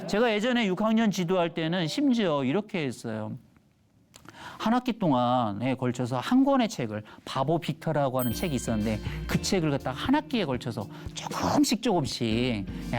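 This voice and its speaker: A middle-aged man, an elementary school teacher, giving a lively lecture on a TV stage and acting out the voices of children and parents. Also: a little high, a little fast, soft background music. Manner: animated storytelling, acts out children's and mothers' voices.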